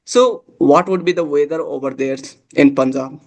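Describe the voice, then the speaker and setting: A man's voice: a little high, moderate pace, darkish tone. Hesitant man hosting a chat. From Nepal. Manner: hesitant, many uh fillers. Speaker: host. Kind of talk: casual conversation practice.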